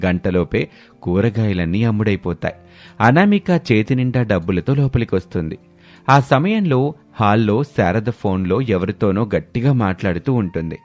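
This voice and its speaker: A man narrating an animated family story in a steady, even storytelling manner. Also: fairly low pitch.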